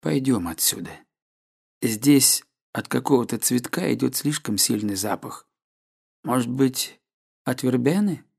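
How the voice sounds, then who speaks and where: A man reading an audiobook, playing a brooding, fearful young nobleman in a low, grave voice. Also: expressive, measured pace, creaky, a little mellow, breathy edge, exaggerated voice. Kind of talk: audiobook character voice.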